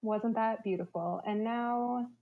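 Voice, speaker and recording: A woman's voice: on the high side, slow pace, no echo. A woman playing a game and chatting casually to a livestream. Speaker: game player and commentator on a marathon stream. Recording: dull lo-fi mic, faint game music.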